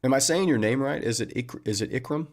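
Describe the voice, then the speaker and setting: A man's voice: mid-range voice, fast talker, darkish tone. A man hosting a trading livestream, chatting casually and upbeat with viewers and calling them man and buddy.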